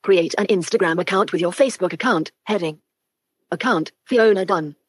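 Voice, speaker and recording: A woman's voice: fairly low pitch, moderate pace, husky, dry recording. A synthetic female screen reader voice played through a Bluetooth speaker, reading out on-screen labels and buttons. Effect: synthetic speech played through a Bluetooth speaker.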